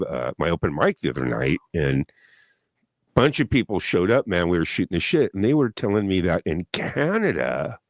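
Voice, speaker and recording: A man's voice: deep voice, dry recording, clean studio sound. A man who does open-mic comedy, telling loose stories with swearing and calling people "man". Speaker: panel guest, comedian. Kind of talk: casual chat.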